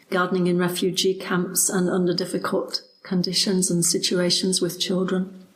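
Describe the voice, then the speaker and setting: Older Leeds woman, low and even. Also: rough recording. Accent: Northern English, Leeds. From England. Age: 70s. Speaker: listener sending a message. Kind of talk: recorded listener tribute.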